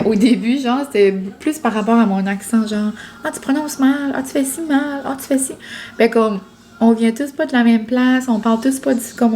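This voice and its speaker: A woman's voice: mid-range voice, darkish tone. A young woman with a Quebec French accent, vlogging in a casual, rambling way, full of fillers and restarts. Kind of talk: casual chat to camera.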